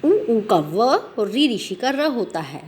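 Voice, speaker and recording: A woman teaching a grammar lesson at an unhurried pace, stretching out each example word so it can be heard clearly. Her pitch moves up and down a lot as she poses questions and answers them. A faint noise sits behind her voice. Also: sing-song. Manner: slow, drawn-out pronunciation of example words.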